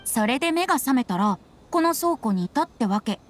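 In this Japanese anime game voice acting, a woman plays a playful, carefree young male bard, her delivery breezy, teasing and theatrical. Her voice is high and brisk, with big swings in pitch, and background music runs behind her.

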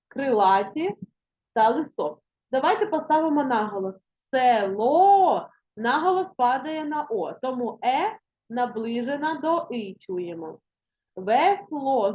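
Woman teacher, fairly high voice, slow careful dictation, muffled lo-fi sound. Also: a little mellow. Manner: slow, deliberate dictation, stressing syllables. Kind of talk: classroom language lesson. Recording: muffled lo-fi recording.

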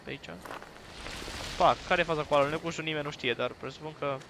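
A young man from Romania commentating a horror game he is playing, with crude jokes and sudden loud yells at the screen. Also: on the high side, fairly even intonation, noisy background. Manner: crude joking banter, bursts into loud yelling at the game. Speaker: gaming YouTuber.

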